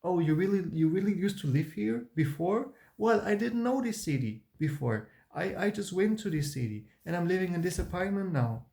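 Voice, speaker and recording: A man imitating his younger teenage self, an eager people-pleaser speaking in a high, fake-sounding voice. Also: animated, moderate pace, vocal fry, few pauses, a little mellow. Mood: gushing. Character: eager, overly friendly teen boy, his younger self.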